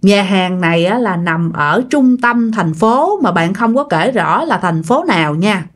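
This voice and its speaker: A woman's voice: mid-range voice, expressive. Chatty Southern Vietnamese woman storyteller. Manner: chatty, talks straight to listeners with drawn-out particles. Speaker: ghost story narrator. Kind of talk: casual storytelling narration.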